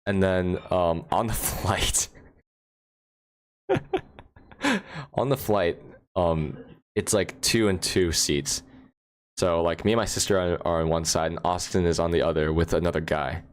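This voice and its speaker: Casting: low-voiced American man, loose livestream chatter, laughs a lot, phone mic at home. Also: fairly even intonation, a little slow, pauses often. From United States. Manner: rambling, laughs often, answers chat questions. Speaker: livestream host. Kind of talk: casual livestream chat.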